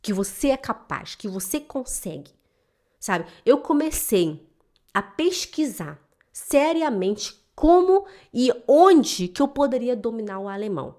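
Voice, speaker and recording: Slightly high yet darkish in tone, this woman's voice swings widely in pitch and moves a little slowly. She teaches German and speaks emotionally and emphatically to her viewers in a motivational vlog shot direct to camera at her home in Switzerland.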